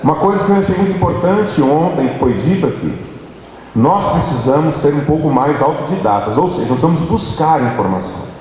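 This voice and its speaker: Lively man speaking in an echoey hall. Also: fairly high pitch, brisk, distant mic, slight background noise. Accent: Brazilian Portuguese. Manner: animated, playful, addresses audience directly. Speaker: workshop speaker. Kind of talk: church workshop talk. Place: large hall. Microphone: handheld microphone.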